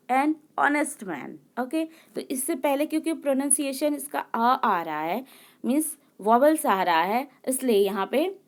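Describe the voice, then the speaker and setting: A woman teaching an English grammar lesson. She reads each rule slowly, then explains it again and again, checking in with her listeners as she goes. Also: a little high. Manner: explains slowly, repeats words and checks in with "okay".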